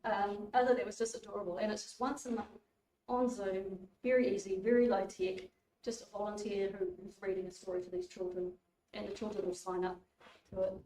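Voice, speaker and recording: A woman's voice: medium pitch, fairly even intonation, fairly quick, mellow, distant mic. Chatty New woman lecturing in a hall. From New Zealand. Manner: chatty, informal, lots of fillers and restarts. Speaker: guest speaker. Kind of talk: public lecture. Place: community hall. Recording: echoey hall, voice from afar.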